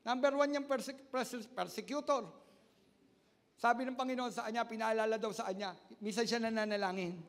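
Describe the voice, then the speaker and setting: A man preaching a sermon as pastor, emphatic and repetitive, swinging between loud and soft. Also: very high voice, normal speed. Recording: long hall reverb.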